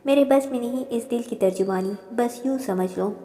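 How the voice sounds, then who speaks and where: A woman's voice: on the high side, normal speed, warm tone, lightly acted. A woman voicing a teasing, protective young man, the older cousin in a storybook reading. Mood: tender. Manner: dry, mocking. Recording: roomy reverb.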